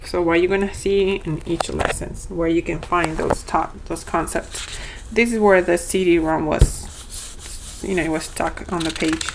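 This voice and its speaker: In this casual product walkthrough, a homeschooling parent, a young woman from Argentina who speaks Spanish natively with an Argentine accent, pages through a reading curriculum. She chats along with many ums and restarts. Her voice sits on the low side with fairly even intonation and an unhurried pace, against a noisy background.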